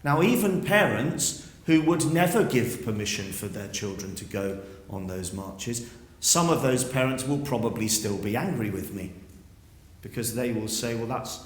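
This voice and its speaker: A man's voice: mid-range voice, expressive, moderate pace. A man, a school headmaster, giving an earnest, persuasive speech to pupils at an assembly, using rhetorical questions. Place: school hall. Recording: echoey hall.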